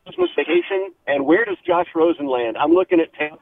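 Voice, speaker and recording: A man calling in to a sports radio show, asking quick, eager questions on a phone line that keeps breaking up. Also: high voice, wildly swooping pitch, vocal fry, no room sound. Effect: phone call breaking up. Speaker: caller. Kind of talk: call-in sports radio chat.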